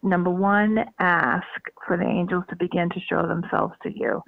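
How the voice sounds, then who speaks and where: A woman's voice: lowish voice, normal speed, gravelly, dry recording. A woman from the Northeastern US, a guest on a radio show, talking enthusiastically with lots of fillers over the phone. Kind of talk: radio call-in conversation. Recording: tinny phone line.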